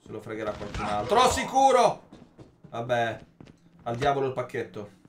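A man commentating his own shooter gameplay, taunting opponents and breaking into excited outbursts. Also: medium pitch, normal speed, recorded from a distance, a little hiss or hum. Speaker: gaming YouTuber.

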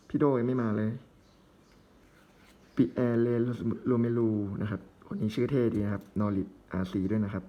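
A man's voice: on the low side, dull audio. A man casually commenting while opening trading card packs, reading out player names in short bursts with chatty asides.

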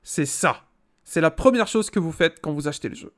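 Fairly quick and expressive, this young gaming video host has a slightly bright voice on the high side. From a small indoor gaming room, he addresses viewers directly with slangy, exclamatory casual commentary on his gameplay.

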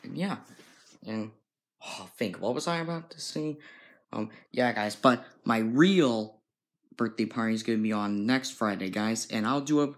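A young man filming a casual home vlog, talking slowly and repeating himself, often calling out to his viewers. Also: lowish voice. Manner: slow and repetitive, keeps addressing "guys". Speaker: vlogger. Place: bedroom at home. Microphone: handheld phone camera.

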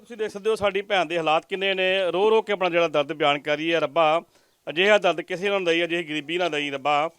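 A man's voice: sits high, fairly bright tone, smooth, no echo. A man with a Majhi Punjabi accent reporting from a village, interviewing a poor family and earnestly pleading with viewers. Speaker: news reporter. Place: village outdoors.

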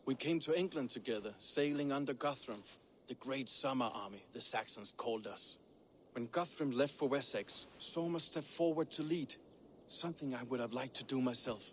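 A blunt, proud Viking shipbuilder, as a man acts him out, speaks in a gruff, plain-spoken way. His game dialogue sits at an ordinary male pitch. A faint hiss runs under it. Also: moderate pace, natural voice. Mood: candid. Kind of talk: video game voice acting.

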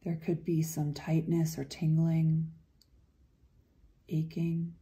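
Low-pitched and monotone, a woman's voice guides a meditation. She moves gently and slowly, leaving lengthy, soothing pauses between phrases.

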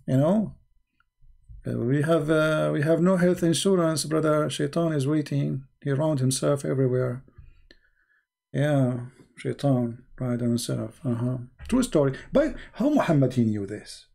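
A man's voice: fairly high pitch, measured pace, gravelly, warm tone. A man giving a sarcastic, rambling monologue in broken non-native English, posing mock-naive questions. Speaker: online commentator. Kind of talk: mocking monologue.

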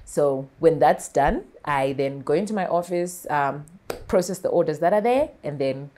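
Low-voiced woman interviewee, animated. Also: moderate pace. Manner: articulate, animated with hand gestures, laughs often. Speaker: farmer and entrepreneur guest. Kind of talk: interview conversation. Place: small television studio set. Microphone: lapel mic.

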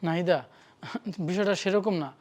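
A man's voice: high voice, fairly even intonation, normal speed, a little mellow, close to an everyday voice. A man playing an emotional husband in a short-film drama who is confused and grieving over his wife. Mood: bewildered. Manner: emotional, calls out names.

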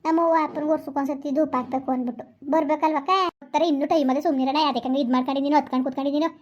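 A woman in a village comedy sketch who scolds and consoles in rapid bursts. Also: high-pitched, steady tone, a little mellow. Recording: dull lo-fi sound.

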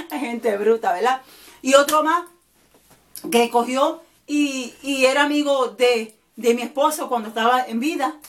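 A woman's voice: sits high, slow pace, fairly bright tone, slight background noise. A woman evangelist tells funny anecdotes in a loose, casual monologue, keeps asking her listeners "right?", and acts out the people in her stories. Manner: jokey, tells funny anecdotes, often asks "¿verdad?", acts out voices.

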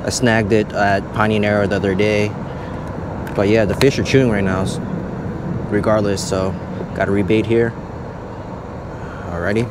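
A man's voice: fairly low pitch, flat delivery. Upbeat young man on a fishing pier. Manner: upbeat, chatty, quick laughs while fishing. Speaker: fishing vlogger. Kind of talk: casual vlog narration. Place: outdoor pier by a river. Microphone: head-mounted action camera. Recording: outdoor camera audio with clear noise.

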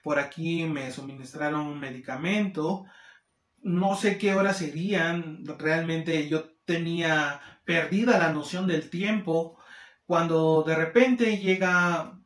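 A man with a Mexican accent telling a casual storytime, animated and acting out the people he quotes. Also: fairly high pitch, slow. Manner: animated, acts out quoted people in shifting voices. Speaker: vlogger. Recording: roomy echo.

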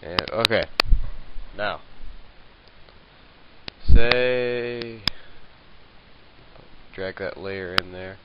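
A young man with a fairly low voice walks through a software tutorial, talking casually and hesitantly with lots of okays and fillers. His handheld mic sounds dull and lo-fi, with a clear hiss running under everything. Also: very slow, long pauses. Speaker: tutorial maker. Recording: lo-fi hissy home mic.

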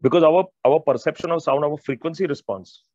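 Speaking briskly in a voice on the high side with a darkish tone, this middle-aged, Indian-accented audio expert presents technical material over a video call. He's informal and emphatic, repeating phrases and talking straight to his listeners. His wired earphones give dull, band-limited call audio without echo.

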